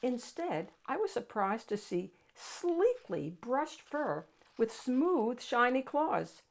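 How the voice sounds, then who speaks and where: Animated, slow-paced woman reading a picture book. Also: fairly high pitch, vocal fry. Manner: animated, dramatic. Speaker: picture book reader and host. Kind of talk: expressive read-aloud storytelling for children.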